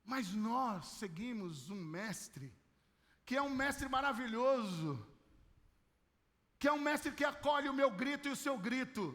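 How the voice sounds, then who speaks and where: A man's voice: very high-pitched, pushed and bright. A Brazilian man preaching a sermon on a microphone, passionately acting out the voices in the stories he tells. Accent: Brazilian Portuguese. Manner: impassioned, acts out biblical voices. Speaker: pastor. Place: large church hall. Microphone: handheld microphone. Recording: long church hall reverb.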